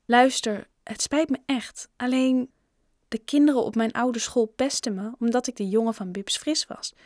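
A woman's voice: on the high side, normal speed, a little mellow, dry recording, studio quality, pitched above the performer's own voice, lightly acted. Woman voicing a nervous twelve-year-old boy. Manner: hesitant, apologetic.

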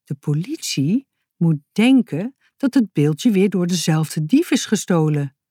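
A genial grown man from a children's storybook who hosts breakfast and hatches a sly plan, as a woman reads him. He talks in a friendly way, pausing now and then to find the right word. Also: lowish voice, sing-song, warm tone, husky, no echo, studio quality, full character voice. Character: kindly grown man, scheming and hospitable.

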